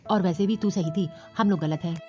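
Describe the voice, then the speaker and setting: A woman's voice: fairly low pitch, brisk, warm tone, soft background music, close to an everyday voice. Repentant young husband for a cartoon, put on by a woman, pleading, muffled lo-fi sound. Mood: apologetic. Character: repentant grown son, defensive then sorry. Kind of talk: storybook cartoon dialogue. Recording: dull lo-fi dry recording.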